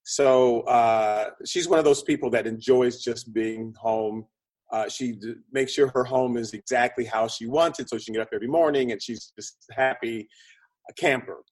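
A middle-aged or older man, a film producer and script consultant, answers as a podcast guest in a casual, chatty, explanatory way, thinking aloud as he goes. His voice is medium-pitched and darkish, at a moderate pace.

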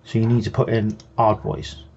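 A man's voice: fairly low pitch, level tone, moderate pace, gravelly, a little mellow, lo-fi sound, a little hiss or hum. A man co-hosting a hobby show, patiently explaining game rules in casual chat and often restarting his sentences. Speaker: co-host.

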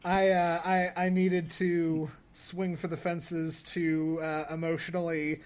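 A man hosting a casual podcast, talking in halting bursts with many fillers. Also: on the high side, monotone, a little hiss or hum. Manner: halting, filler-heavy, laughing. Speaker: podcast host.

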